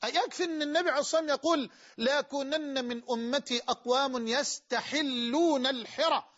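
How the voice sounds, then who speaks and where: Egyptian male preacher, very high voice, rapid and fervent sermon, dull lo-fi recording. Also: fairly bright tone. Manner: impassioned, emphatic.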